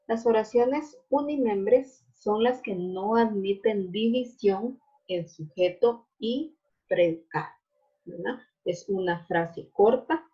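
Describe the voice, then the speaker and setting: A woman's voice: medium pitch, darkish tone. A woman teacher giving a recorded class lecture, explaining patiently with frequent fillers and tag questions. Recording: dull lo-fi audio.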